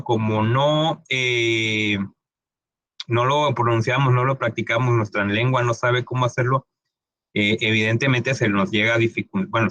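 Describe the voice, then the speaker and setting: An English teacher with a mid-range, slightly bright voice gives a casual pronunciation lesson, recorded dry. He talks conversationally with many fillers and restarts, often checks in with "¿ok?", and stretches words out to demonstrate sounds.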